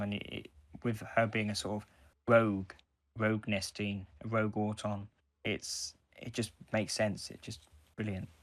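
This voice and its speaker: Here a male podcast co-host with a fairly low, somewhat bright voice chats eagerly as a fan. His speech is halting, full of repeated words and backtracking, in a casual discussion.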